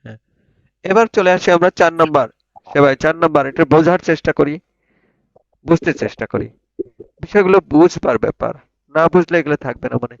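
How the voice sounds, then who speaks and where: A man teaching an online pronunciation class, sounding out words slowly and having students repeat them. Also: on the high side, vocal fry, no echo. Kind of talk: online spoken English class. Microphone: online video call. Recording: dull lo-fi online call audio.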